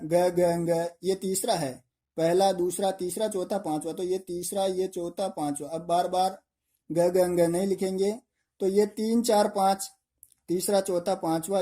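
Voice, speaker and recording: A male teacher gives an exam-prep lesson in a mellow, darker voice. He works through each point step by step. He often asks a question and then answers it himself. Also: high voice. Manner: explains step by step, asking and answering his own questions.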